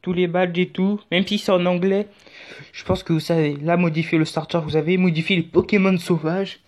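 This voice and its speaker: Fairly quick and steady in a high-sitting voice, a man hosting a YouTube tutorial rambles through his walkthrough with a chatty tone and joking side comments. Faint music plays under the dull, lo-fi sound.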